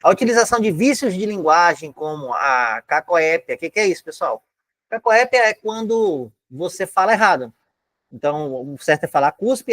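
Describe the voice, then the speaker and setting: Speaking with a Brazilian Portuguese accent, this man has a fairly high, slightly bright voice with no echo around it. He's teaching an exam-prep class online from home in a chatty way, full of filler tags and step-by-step walkthroughs.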